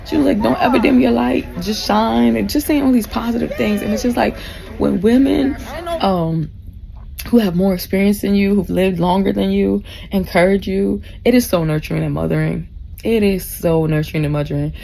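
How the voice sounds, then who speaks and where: A woman's voice: medium pitch, normal speed, gravelly, music in the background. A woman of about forty rambles drunkenly in a casual vlog, effusive and heartfelt, swearing freely and losing her thread. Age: 39, nearly forty. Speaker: vlogger. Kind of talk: casual rambling rant to camera. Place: cruise ship cabin. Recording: faint background noise.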